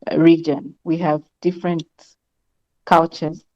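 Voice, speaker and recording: A woman from Zambia speaking as a panelist in an online discussion, measured and thoughtful with frequent ums. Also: deep voice, level tone, darkish tone. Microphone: video call. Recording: muffled lo-fi video call audio.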